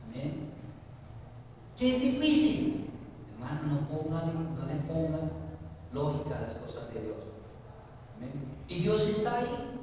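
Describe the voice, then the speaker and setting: A male pastor preaching a sermon, with sudden loud climbs and pleading cries, often asking the congregation questions. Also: fairly high pitch, very animated, slow, pauses often. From Colombia. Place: church hall. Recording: echoey church hall from far off, noisy.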